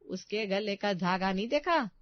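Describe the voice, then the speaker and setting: A woman's voice: medium pitch, expressive, a little slow, dry recording, lo-fi sound, lightly acted. A woman voicing an older mother-in-law in a cartoon story, scolding but affectionate. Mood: coaxing.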